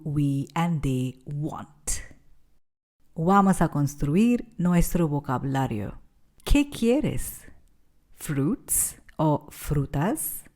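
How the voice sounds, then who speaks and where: A woman who is a native English speaker, teaching an English lesson in Spanish and patiently repeating words for learners to echo. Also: sits low. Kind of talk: slow, deliberate language lesson.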